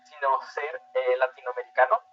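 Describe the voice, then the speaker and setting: Teaching a political training class, a muffled-sounding man explains political integration in an informal lecture, with soft music in the background. His medium-pitched voice is flat at a normal speed, and he hesitates, repeats himself, restates phrases, and checks for understanding.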